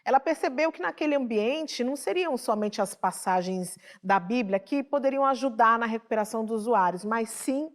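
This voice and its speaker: Fairly high-voiced woman talk show host. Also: animated, normal speed, hardly any pauses. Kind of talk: TV studio conversation.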